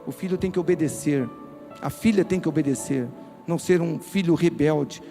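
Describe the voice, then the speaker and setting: Man, Brazilian accent, pastor's sermon, raised pitch, emphatic and direct, faint music underneath. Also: moderate pace, gravelly, warm tone. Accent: Brazilian Portuguese. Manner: emphatic, direct, addresses listeners. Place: church.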